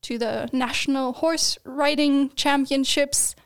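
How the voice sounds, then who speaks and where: Slow and steady in tone, her high voice carries a relaxed podcast conversation. The speaker is a twenty-something student guest who laughs often and uses many fillers and restarts.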